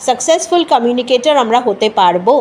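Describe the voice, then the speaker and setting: A woman's voice: on the high side, animated, brisk, a little mellow. A woman with a Bengali accent teaching an English word, patiently repeating each sound and mixing English into her Bengali. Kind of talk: explanatory lesson.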